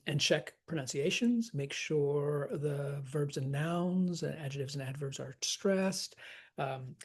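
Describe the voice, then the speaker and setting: A man teaching poetry scansion, talking slowly and thoughtfully and sounding out the rhythm of each line aloud. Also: on the high side, breathy edge. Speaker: acting teacher.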